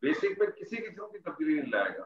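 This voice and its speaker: Over a call, a man teaches an online Arabic grammar class, patiently drilling students by repeating example sentences. His voice is high-pitched and sing-song. The call audio sounds dull and roomy, with faint noise underneath.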